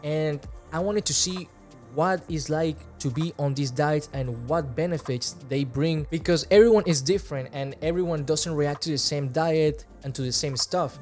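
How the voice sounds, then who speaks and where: Close to a big studio mic in a small room, a Venezuelan fitness vlogger in his twenties talks casually and earnestly to camera, using his hands and speaking his second language with a Venezuelan Spanish accent. His voice is a little high, and his manner stays relaxed.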